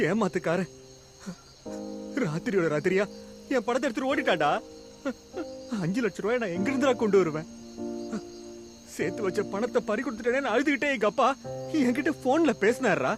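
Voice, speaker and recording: A tearful, anguished young man. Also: sits high. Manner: pleading, tearful, breaking voice. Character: distraught young man confessing his sister is dying. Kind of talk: dubbed film acting. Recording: film soundtrack with music.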